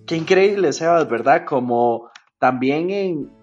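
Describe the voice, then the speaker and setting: Male co-host, higher voice, keen, muffled lo-fi sound, music under. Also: animated, slow, a little mellow. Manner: enthusiastic, repetitive emphasis. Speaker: podcast co-host.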